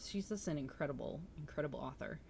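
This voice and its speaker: This woman speaks fast in a low, darkish voice, and there's a faint hiss or hum behind her. She's the chatty, enthusiastic host of a book-reading livestream, responding to the chat as she goes.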